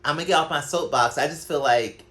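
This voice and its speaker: A woman's voice: deep voice, fast, fairly bright tone, a little hiss or hum. A woman hosting her own podcast, ranting casually and profanely in a solo, digressive monologue. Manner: conversational, digressive. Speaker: podcast host.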